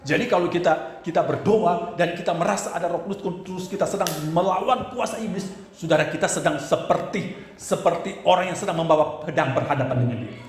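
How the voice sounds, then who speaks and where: Animated male pastor in echoey church. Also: high-pitched, a little fast, few pauses. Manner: animated, addresses listeners as "saudara". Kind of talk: storytelling sermon.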